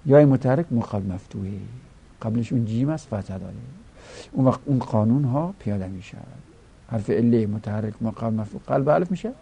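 A man's voice: mid-range voice, expressive, vocal fry, mellow, husky. Man teaching grammar, chanting forms. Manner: explains step by step, chanting word forms aloud. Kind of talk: grammar lesson.

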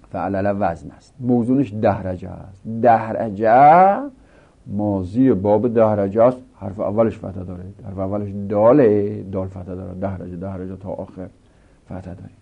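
A man teaching a grammar lesson, explaining a text slowly and repeating example words one after another. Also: on the low side, vocal fry, breathy edge. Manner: slow, repetitive, drills example words. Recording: dull lo-fi recording.

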